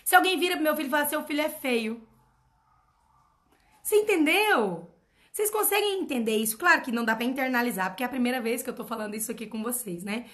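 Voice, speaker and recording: A woman's voice: high voice, expressive, very fast, a bit bright. A woman mentoring her followers in an emphatic motivational talk. She repeats her points and keeps asking rhetorical questions. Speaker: personal development mentor.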